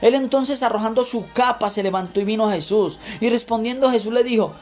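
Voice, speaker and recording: Fervent preaching man over soft music. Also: sits high, a little fast. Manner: fervent, emphatic preaching with repeated phrases. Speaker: pastor. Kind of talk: devotional sermon with scripture reading.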